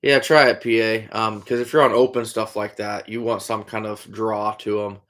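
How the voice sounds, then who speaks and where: Speaking at a normal speed, this Iowa trapper has a fairly low, somewhat bright voice and a level tone. He answers viewers on his live stream in an easygoing, casual manner, addressing them as "buddy" and letting sentences drift off with "I don't know".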